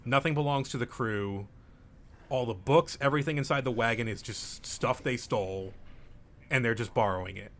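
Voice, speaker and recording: This is casual group gameplay chat: a young man running a let's play jokes around while summarizing the plot and walking through how the game works. He speaks at a normal speed in a medium-pitched, fairly bright voice, with game music in the background.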